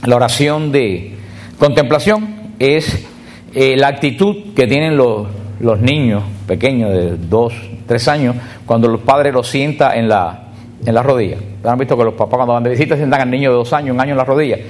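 A man preaching at a religious retreat, addressing the group directly, often repeating himself and slowing down on key words. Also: mid-range voice, darkish tone. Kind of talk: sermon.

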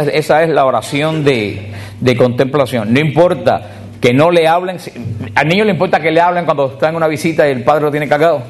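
A man preaching at a religious retreat, addressing the group directly, often repeating himself and slowing down on key words. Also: on the high side. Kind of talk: sermon.

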